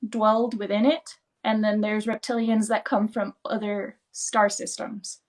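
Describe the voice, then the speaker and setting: On a livestream chat, a guest whose native tongue is Spanish rattles through her explanations in a loose, rambling style packed with "like." She speaks at a medium pitch that barely moves.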